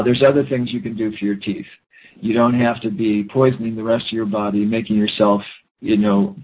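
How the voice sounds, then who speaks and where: A man talking earnestly in a rambling interview, often restarting his sentences. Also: medium pitch. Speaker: guest. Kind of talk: conversational interview talk. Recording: phone-line audio, husky.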